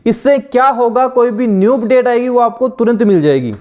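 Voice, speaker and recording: A young man with a high voice and an Indian accent leads an online exam-prep class. He reads each definition out slowly and deliberately, then drills the answer through repeated rhetorical questions. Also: a little mellow. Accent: Indian English.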